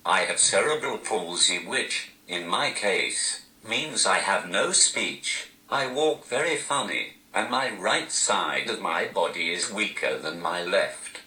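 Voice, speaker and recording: A man's voice: sits low, lively intonation, slow, hardly any pauses, pushed and bright, echoey room, rough recording. A man, a stand-up comedian, answering interview questions through a text-to-speech device whose voice sounds posh and robotic, with a dry, self-mocking delivery. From Newcastle, England.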